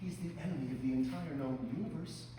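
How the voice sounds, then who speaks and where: A man's voice: on the high side, fast talker, background noise. A man playing a bossy, exasperated therapist in a comedy sketch, recorded from far off in an echoey hall.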